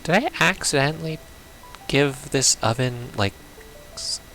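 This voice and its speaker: Playing through a visual novel, this let's player reads the text aloud and comments casually with blunt, sardonic remarks. His medium-pitched voice is animated, bright and forceful, a little slow, and the recording is rough, with music underneath.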